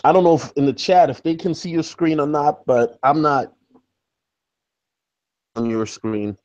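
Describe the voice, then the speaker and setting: A man hosting a casual live-stream interview over a video call, his audio choppy and lo-fi from a bad connection, talking in a halting way with many fillers. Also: on the high side, a little mellow, no echo. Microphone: video call from a backup laptop.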